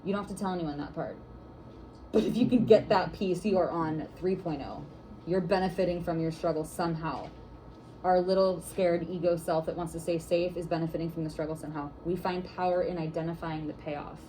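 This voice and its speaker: Woman teaching a workshop, kinda low mellow voice, says like a lot, faint hum behind. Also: fairly even intonation, brisk, poor audio. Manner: warm guiding, lots of "like" fillers. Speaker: EFT instructor for massage therapists.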